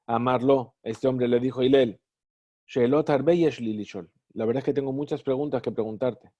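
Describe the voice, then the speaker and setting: A man teaching a class, reading phrases of a text slowly and translating each one. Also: mid-range voice, steady tone, dark tone. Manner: reads Hebrew phrases slowly, then translates. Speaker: Talmud teacher. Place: study hall. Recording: dull lo-fi recording.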